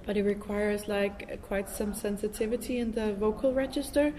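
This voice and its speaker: Her mid-range voice carries a dark tone, steady and at a moderate pace, as this woman hosts a casual, reflective podcast interview. She thinks aloud informally and enthusiastically, recorded in a noisy hall full of reverb.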